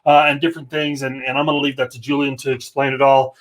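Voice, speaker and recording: A man's voice: mid-range voice, level tone, fast. A man hosting a casual live coding show, joking and rambling as he walks through a demo. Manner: joking, rambling, self-deprecating. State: slightly out of breath. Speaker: host of a developer livestream.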